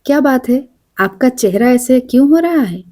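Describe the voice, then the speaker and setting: A woman voicing a calm, amused man on a train in a storybook reading, easygoing and lightly teasing. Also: high voice, moderate pace, pitched above the performer's own voice. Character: amused calm male traveler.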